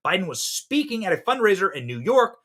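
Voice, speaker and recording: A man's voice: high voice, sing-song, brisk. Fiery man in his thirties. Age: 30s. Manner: fiery, swings from loud to hushed. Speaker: political podcast host. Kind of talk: impassioned political commentary.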